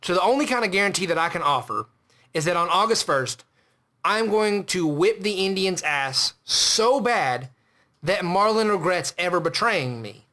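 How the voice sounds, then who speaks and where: Boastful, high-voiced male podcast host. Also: expressive, normal speed, bright, forceful tone. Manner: boastful, rambling and self-important. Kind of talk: comedic character monologue.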